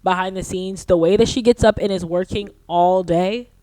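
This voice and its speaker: A young woman guest on a podcast, chatting casually in an animated, gushing way and leaning on "like". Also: medium pitch, moderate pace, dry recording. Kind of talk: casual chat.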